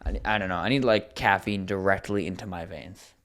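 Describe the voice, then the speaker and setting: Young male co-host, lowish voice, tired and laid-back, casual swearing. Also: fairly quick, fairly bright tone. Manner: laid-back, swears, agreeable filler replies. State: sleepy, yawning. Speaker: podcast co-host. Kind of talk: casual chat.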